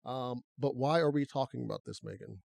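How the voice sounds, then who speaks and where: A man's voice: mid-range voice, a little fast, gravelly, no echo, clean studio sound. A man co-hosting a podcast, chatting casually and thinking aloud as he talks. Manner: relaxed, conversational, talks through restarts. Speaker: podcast co-host.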